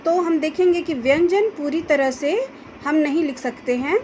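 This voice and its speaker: A woman teacher explaining a grammar lesson to students slowly, carefully pronouncing each example sound. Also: high-pitched, darkish tone, a little hiss or hum, rough recording. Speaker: school Hindi teacher.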